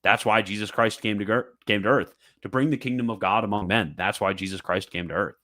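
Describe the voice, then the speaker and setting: A man's voice: on the low side, steady tone, fairly quick, pushed and bright. A man giving fervent, emphatic commentary, reading a religious text aloud and reacting with repetition and mocking asides.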